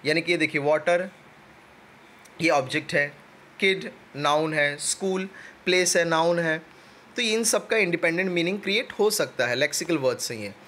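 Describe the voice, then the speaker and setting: A man teaches an exam-prep lesson in a fairly high voice. He explains step by step and slows down to read definitions word by word. A faint hiss sits under the recording. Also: sharp tone. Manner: explains step by step, reads English definitions slowly.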